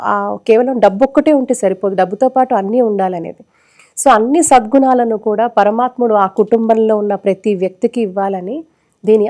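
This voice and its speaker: A woman's voice: on the high side, warm tone. A woman speaking earnestly on a live TV devotional show, explaining practices and sharing her own experience.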